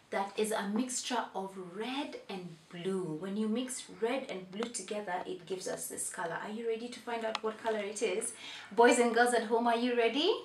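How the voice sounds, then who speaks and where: A young woman hosting a children's lesson in an animated, upbeat way, prompting young children with questions. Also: mid-range voice, a little hiss or hum. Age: young adult. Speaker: host of a children's lesson, teacher. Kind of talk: children's educational lesson, presenting to camera. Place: small indoor playroom. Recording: roomy echo, mic at a distance.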